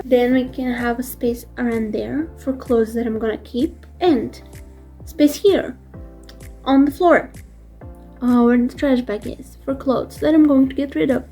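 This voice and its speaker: Young female vlogger, twenties, high and mellow, casual rambling self-deprecating delivery. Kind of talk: casual vlog chat.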